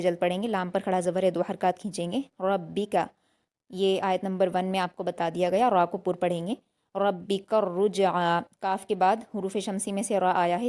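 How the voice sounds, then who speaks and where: Female recitation teacher, mid voice, slow methodical drilling with repetitions. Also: medium pitch, mellow. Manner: slow, drawn-out recitation between plain explanations; patient, instructive, repeats each word. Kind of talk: step-by-step recitation lesson.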